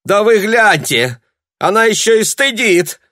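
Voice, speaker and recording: A sharp-nosed older woman with a shopping bag screeches abuse in a piercing voice, played by a male narrator. The voice is pushed high and loud. It sounds dry and close, with no room echo. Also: big pitch swings, measured pace, full character voice. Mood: shrieking. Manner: piercing, scolding, abusive.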